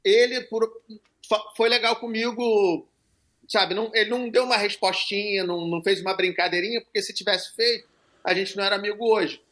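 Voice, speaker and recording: A man's voice: high-pitched, steady tone, brisk, a bit bright. A middle-aged man guest on a podcast, telling loose, profane anecdotes in casual chat.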